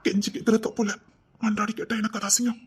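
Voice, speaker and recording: A man's voice: high-pitched, little pitch movement, noisy background, close to an everyday voice. A man playing an aggrieved husband who scolds and then pleads with his wife in a web drama. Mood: wounded pleading. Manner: reproachful, rapid nagging with repeated "di".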